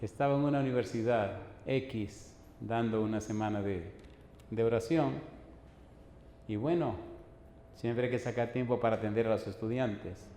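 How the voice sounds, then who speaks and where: A man's voice: medium pitch, normal speed, dark tone, a little hiss or hum. An older man, preaching a sermon emphatically and putting repeated questions to the congregation. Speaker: pastor. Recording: echoey hall, faint ambience.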